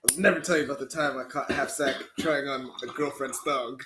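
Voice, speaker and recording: A man's voice: medium pitch, steady tone, a little fast, reverberant, a crowd in the background. A man co-hosting a casual podcast, trading crude jokes and laughing often. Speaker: podcast co-host.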